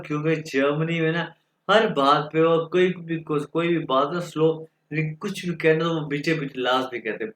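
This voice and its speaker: A man's voice: fairly high pitch, fairly bright tone, reverberant. A man with a Pakistani accent teaching German in an online lecture, explaining patiently and spelling out letters one by one.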